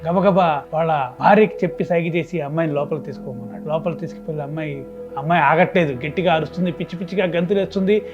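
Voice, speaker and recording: A man's voice: fairly high pitch, quick pace. Dramatic male storyteller, lo-fi with music. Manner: dramatic, rising and falling in loudness. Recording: dull lo-fi with music behind. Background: background music.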